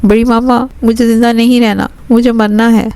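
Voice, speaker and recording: A woman's voice: a little high, little pitch movement, no room sound, pitched above the performer's own voice, lightly acted. Woman voicing a tearful young heroine. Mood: distraught. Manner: soft, pleading, tearful. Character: tearful young heroine, a doting family's beloved girl.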